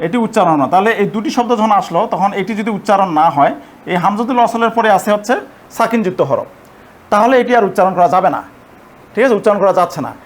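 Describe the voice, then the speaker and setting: Speaking in a high voice, a man explains Arabic grammar in a patient, stepwise lesson. He restates his points and keeps making sure listeners follow. When he reaches the Arabic examples, he slows down and spells them out syllable by syllable.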